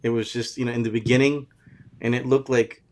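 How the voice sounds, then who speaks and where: A man's voice: medium pitch, little pitch movement, a little fast. A man co-hosting a casual soccer fan podcast, greeting viewers by name in an easygoing way. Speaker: co-host.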